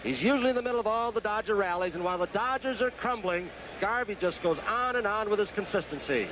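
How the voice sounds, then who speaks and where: Casting: male baseball commentator, high voice, clear outdoor stadium noise in the broadcast. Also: expressive, quick pace. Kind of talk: sports commentary.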